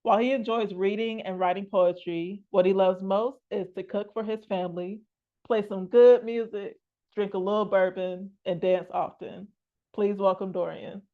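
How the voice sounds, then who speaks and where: A woman hosts a poetry reading online, talking in a relaxed, casual way with a few fillers. Her voice sits at a middle pitch. The call audio sounds slightly dull. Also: moderate pace. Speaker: reading series host. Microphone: video call.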